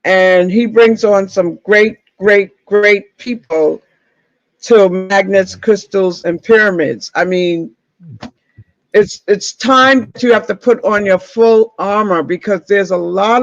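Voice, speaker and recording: High-voiced, unhurried male interview host. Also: vocal fry, no room sound. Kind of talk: casual community interview. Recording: dull, lo-fi audio.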